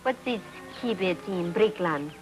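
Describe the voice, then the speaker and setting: A woman's voice: on the low side, animated, measured pace, darkish tone, low-quality recording. An actress playing a playful, coy young woman in 1940s film comedy style, with music behind.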